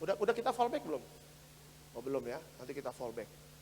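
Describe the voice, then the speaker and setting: A man preaching a sermon as pastor, fervent and direct with his congregation, switching between loud exhortation and quiet asides. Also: mid-range voice, big pitch swings, quick pace, a little hiss or hum. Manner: repeats phrases and addresses the congregation directly. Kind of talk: sermon for an online Sunday service. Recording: long hall reverb.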